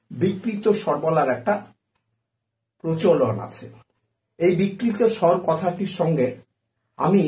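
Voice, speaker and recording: A man teaching a music lesson, naming notes one by one in a measured, explanatory way. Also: high-pitched, a little mellow. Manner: measured, spells out note names one by one. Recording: echoey room.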